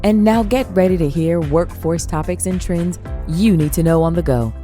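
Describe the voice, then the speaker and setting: A woman announcing a podcast intro in a slow, polished, scripted delivery. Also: fairly low pitch, warm tone, faint music behind. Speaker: show announcer.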